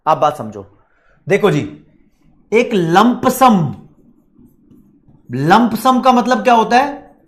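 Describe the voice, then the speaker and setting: A man's voice: high-pitched, very animated, slow, pauses often. A man with an Indian accent teaching an online exam-prep lecture, chatty and repetitive, talking straight to his students. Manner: chatty, repetitive, mixes English terms into Hindi; addresses students directly, reads their questions.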